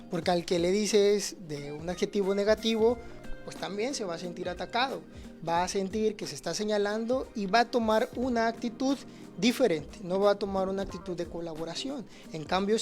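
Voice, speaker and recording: Male teacher, earnest explainer, frequent restarts and tag questions, faint music behind. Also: high-pitched. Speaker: teacher speaking on conflict resolution. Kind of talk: livestreamed talk answering audience questions.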